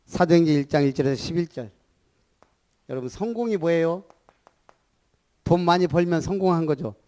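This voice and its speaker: Animated high-voiced preaching man. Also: brisk. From Gunsan, Jeolla, South Korea. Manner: animated preaching, calls for repetition, rhetorical questions. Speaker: pastor. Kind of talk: sermon.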